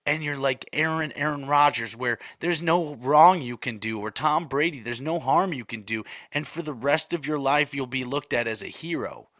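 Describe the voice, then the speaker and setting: Male podcast host, 30s, mid-pitched, rambling casual solo chat, dry close sound. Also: moderate pace, hardly any pauses, fairly bright tone, no room sound. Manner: rambling, conversational, repeats himself, many fillers.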